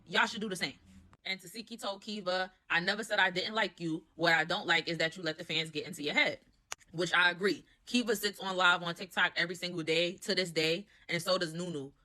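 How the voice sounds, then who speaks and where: Young woman rattling off tv drama, lowish voice, chatty and slangy, lots of opinions. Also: pushed and bright. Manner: fast, opinionated and gossipy, with slangy asides. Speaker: reality TV recap host. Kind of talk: casual show recap.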